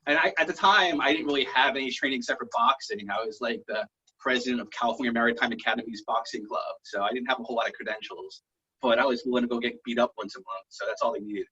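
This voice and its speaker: Rambling comedian on a dull video call. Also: male voice, mid-range voice, sharp tone, breathy edge. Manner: rambling, halting, many fillers. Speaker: stand-up comedian. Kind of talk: casual comedy set over video call.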